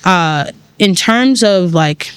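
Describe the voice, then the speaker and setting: A woman's voice: fairly low pitch, takes it slowly, smooth, no room sound. A woman in her twenties with a New York accent, a tech founder talking casually and energetically as an interview guest. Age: 20s. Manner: energetic, casual, uses slang and fillers. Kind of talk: conversational interview.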